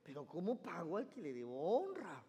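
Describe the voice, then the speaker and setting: Male pastor, high voice, emphatic call-and-response preaching, long church reverb. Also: huge pitch swings, moderate pace, mellow. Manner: emphatic, calls congregation to repeat phrases. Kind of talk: sermon. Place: church sanctuary.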